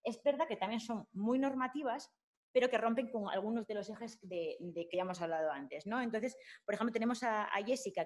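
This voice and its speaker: A woman gives an academic talk with slides, speaking informally with many fillers and restarts. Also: mid-range voice. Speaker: lecturer at a summer course.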